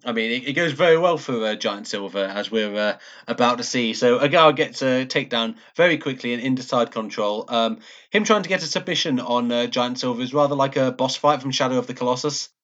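A man with a dry, wry sense of humor chats on a podcast, peppering his talk with ums and uhs. His voice is of middling pitch. The sound is muffled and lo-fi. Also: brisk, a bit bright. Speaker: podcast host. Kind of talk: casual chat reviewing a fight. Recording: dull lo-fi podcast audio.

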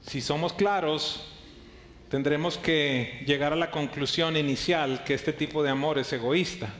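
A male pastor preaching to his congregation in a lively way, slipping into his listeners' voices and joking with them. His voice sits a little high. The sound rings through an echoey hall, with a faint hum of background noise. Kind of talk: live sermon to a congregation. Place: church hall before a congregation.

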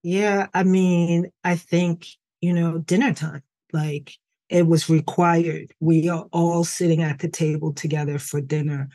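Storytelling New woman, lowish voice. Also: a little slow. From New York, USA. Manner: relaxed storytelling with frequent "like" and "you know". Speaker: podcast guest. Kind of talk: conversational interview.

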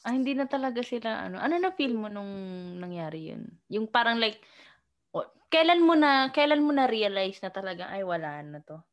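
A woman interviewing a guest in a casual chat, asking quick follow-up questions and giving short backchannels. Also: on the high side, very animated.

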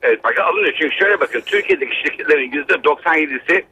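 A man's voice: fairly high pitch, lively intonation, fast, bright, forceful tone, slightly rough, no echo, low-quality recording. A man in his fifties calling a radio show over a landline phone, explaining his point with frequent hesitations. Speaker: caller, human resources trainer. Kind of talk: call-in radio talk.

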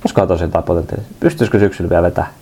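A man with a deep, gravelly voice chats as a podcast co-host. His tone is somewhat husky. He mostly chimes in with short reactions and quick laughs. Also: steady tone, mellow. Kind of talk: casual chat.

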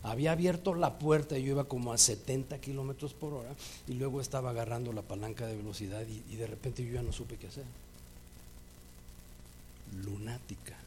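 A man with a Mexican accent preaching a sermon, telling a personal story in a lively way and acting out the dialogue. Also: mid-range voice, fairly quick, background noise. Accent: Mexican Spanish.

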